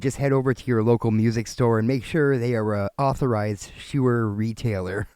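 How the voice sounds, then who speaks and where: A man's voice: medium pitch, mellow, clean tone, no room sound. A man from Canada chatting casually to viewers while testing studio microphones, thinking aloud with fillers. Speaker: video creator testing microphones. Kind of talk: casual gear review talking to viewers. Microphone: switching between studio dynamic microphones.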